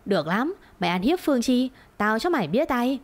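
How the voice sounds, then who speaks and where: This is a sneering, fawning middle-aged mistress, as a woman storyteller puts her on, spiteful and coy. The voice sits on the high side. It belongs to a spoken storybook drama. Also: very animated, brisk.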